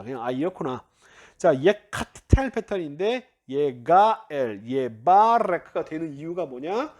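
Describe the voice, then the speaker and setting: A man lecturing on grammar with a fairly high, very animated voice that rises and falls constantly. He walks through each point patiently, prompting listeners and correcting himself as he goes. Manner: explanatory, uses many "자" prompts, self-corrects and laughs lightly. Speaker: Biblical Hebrew grammar teacher. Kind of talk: recorded classroom-style lecture.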